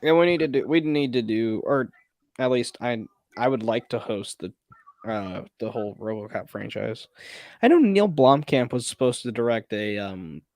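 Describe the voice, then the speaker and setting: A man's voice: mid-range voice, expressive, normal speed, a little mellow, no echo. Rambling man chatting about films. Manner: rambling with restarts. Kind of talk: casual film chat.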